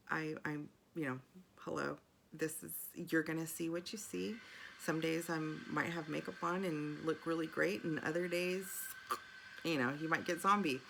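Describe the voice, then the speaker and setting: A middle-aged woman with a low, gravelly voice talks straight to camera in her personal video diary. She speaks candidly and from the heart, often breaking off and restarting her sentences. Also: fairly bright tone, a little hiss or hum. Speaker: video journal host.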